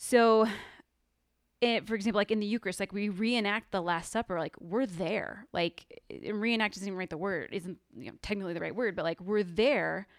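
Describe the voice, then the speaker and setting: A woman's voice: on the low side, no echo, clean studio sound. A woman co-hosting a casual faith podcast, talking earnestly with lots of "like" fillers. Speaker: podcast co-host.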